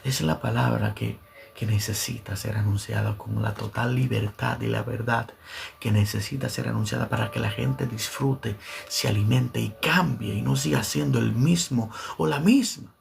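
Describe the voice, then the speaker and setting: A man's voice: mid-range voice, normal speed, gravelly, soft background music. A man preaching a sermon as pastor, fervent and repeating phrases for emphasis.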